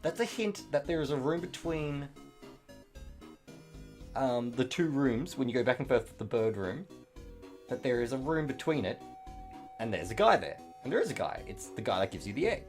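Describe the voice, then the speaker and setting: A man's voice: mid-range voice, sing-song, moderate pace, long pauses, faint music behind. A man streaming a video game, chatting casually and rambling through theories with fillers. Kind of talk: casual gameplay chat.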